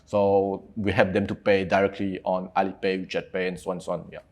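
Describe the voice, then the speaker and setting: A man in his thirties from French Guiana, a native speaker of Cantonese and French, talks casually with a French accent as a podcast guest. He's an entrepreneur with a deep, darkish voice, a level tone and a slightly fast pace.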